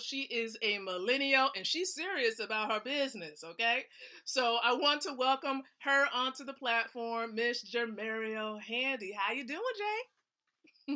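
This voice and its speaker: A woman hosting a nightly live stream from home, energetic and encouraging, laughing often as she talks to viewers. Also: fairly high pitch, normal speed. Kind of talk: upbeat live-stream talk.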